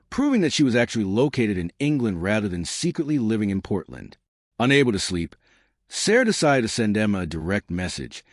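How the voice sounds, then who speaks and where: A man giving measured scripted narration of a true story. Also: fairly low pitch, no echo, clean studio sound.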